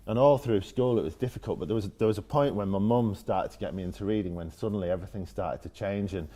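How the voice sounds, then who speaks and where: A man from Leeds with a Northern English accent appears as an interview guest, sharing casual personal anecdotes in a self-deprecating, informal way. His voice is on the low side and warm, and he talks fast.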